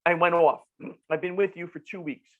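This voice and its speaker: A middle-aged nutrition clinician from northern New Jersey, guesting on a podcast, explains conversationally and emphatically in a New Jersey accent, repeating phrases and posing rhetorical questions. His voice is a little high and steady at normal speed, heard through phone-quality sound.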